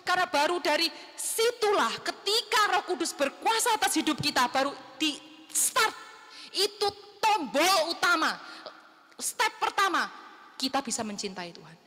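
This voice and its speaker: A woman preaching a lively youth sermon, animated and calling for amens, recorded in a church hall. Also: sits high, normal speed. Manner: animated, asks the crowd for amens, mimics youths' questions. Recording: long reverb of a church hall.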